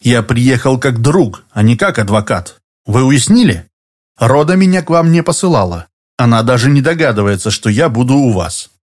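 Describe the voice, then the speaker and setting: Male narrator as composed lawyer; even, unhurried, persistent storybook voice. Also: mid-range voice, lightly acted. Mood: calm, insistent. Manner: even, deliberate and insistent.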